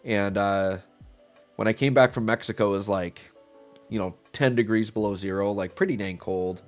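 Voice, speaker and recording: Getting over a cold, a man with a fairly low, stuffy voice speaks at normal speed during a live game stream. His commentary is casual and rambling, with fillers as he thinks aloud, and faint music plays in the background.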